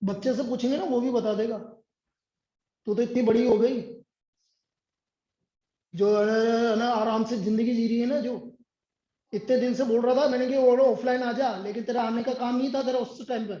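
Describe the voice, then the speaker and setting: A man's voice: very high-pitched, steady tone, moderate pace, pauses often, warm tone. A man teaching a math class, scolding and sarcastic as he presses a student for answers. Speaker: math tutor. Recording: echoey room, dull sound.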